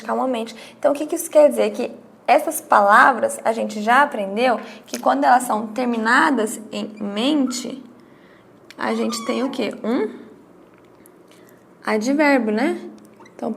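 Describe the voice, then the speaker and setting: A woman's voice: on the high side, vocal fry, a little hiss or hum. A woman teaching a grammar lesson, explaining step by step with rhetorical questions and acting out her students' questions.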